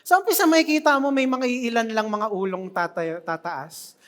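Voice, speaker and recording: An animated preacher delivering a sermon in a church hall, voice set in the middle range. The talk keeps drawing laughs from the congregation, and a long hall reverb trails each phrase. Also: mid-range voice, normal speed.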